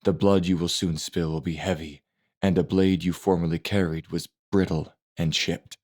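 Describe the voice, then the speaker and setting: A man reading an audiobook, voicing a grave middle-aged assassin mentor who speaks in a measured, stern and fatherly way. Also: sits low, fairly even intonation, a little mellow, no echo, clean studio sound. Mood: solemn. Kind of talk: audiobook character voice.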